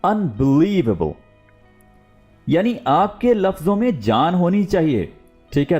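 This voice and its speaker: A man's voice: fairly high pitch, a little mellow. A man teaching an online language lesson. He repeats example words so the listener can copy them, stressing each one with exaggerated intonation. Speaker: English teacher.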